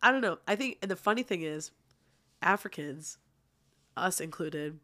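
A woman's voice: lowish voice, lively intonation, moderate pace, bright, forceful tone. A woman from the American Midwest hosting a casual podcast chat, chatty and telling stories with animation. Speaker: podcast host.

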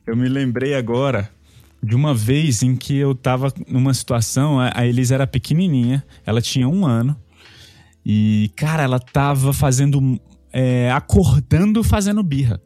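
A man's voice: mid-range voice, moderate pace, mellow, no room sound. A Brazilian man in his thirties, a podcast co-host telling an emotional family story with many restarts and repeats. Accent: Brazilian Portuguese.

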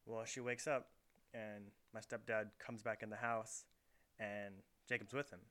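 A man's voice: on the low side, level tone, unhurried, a bit bright. A young man hosting a casual podcast from his bedroom, telling stories in a rambling way full of fillers. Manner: rambling storyteller, heavy on fillers. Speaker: podcast host. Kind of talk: casual chat. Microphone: camera set up in the room.

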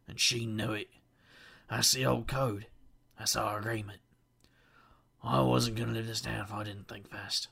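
Urban-fantasy detective for audio drama, male actor, husky and gravelly, weary, sardonic noir narration. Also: mid-range voice, sharp tone, full character voice. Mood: wry. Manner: wry, self-deprecating, sardonic. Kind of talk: noir first-person monologue.

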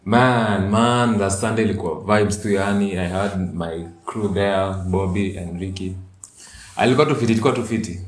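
A man's voice: deep voice, fairly even intonation, moderate pace, a little hiss or hum. A man with a Kenyan accent hosting a podcast in casual, slangy chat, often repeating words. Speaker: podcast and radio host. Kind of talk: casual chat mixing English and Swahili slang. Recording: roomy echo.

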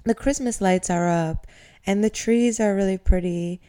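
A woman's voice: mid-range voice, moderate pace, dark tone, smooth. A woman chatting casually as a podcast co-host, opinionated and teasing. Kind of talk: casual chat.

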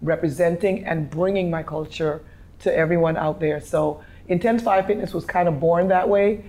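A woman's voice: on the low side, normal speed, mellow. Woman from Guyana talking fitness. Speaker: fitness instructor. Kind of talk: casual interview.

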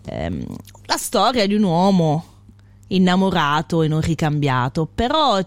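A speaker leading a casual literary talk, thinking aloud with pauses and fillers, then reading a poem aloud. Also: mid-range voice, wildly swooping pitch, no room sound. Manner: thoughtful, searching for words with fillers. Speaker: co-host leading a poetry discussion.

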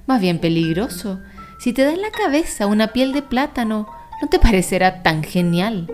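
A woman's voice: mid-range voice, very animated, normal speed, darkish tone, faint music behind, natural voice. A woman voicing a cautious, fussy mother bat in a storybook reading, talking in a worried, scolding way.

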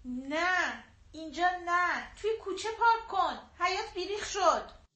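A woman's voice: extremely high pitch, expressive, sharp tone, pitched above the performer's own voice, heavily acted. A woman voicing a bossy, doting, vain elderly grandmother in an audiobook, giving orders and fussing over her grandchild.

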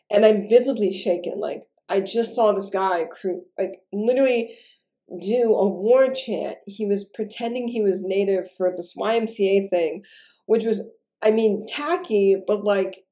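A woman's voice: medium pitch, mellow. A young woman telling a personal story in a casual, rambling way, with lots of fillers and restarts, earnest and emotional. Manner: chatty, fast rambling with many fillers and restarts. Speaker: storyteller recounting a personal experience.

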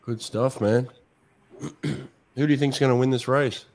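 A man's voice: medium pitch, fairly even intonation, unhurried, a little mellow. A man hosting a casual live stream, chatting with callers in an upbeat, laid-back way. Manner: laid-back, upbeat, calls guests champ and mate. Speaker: host.

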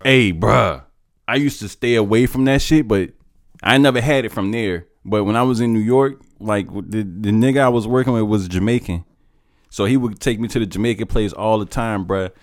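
An American man with a fairly low voice talks casually and profanely, like a frat bro hyping things up to a friend. His slangy banter is animated, and the sound is dry with little room on it. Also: moderate pace, dry recording. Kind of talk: casual chat.

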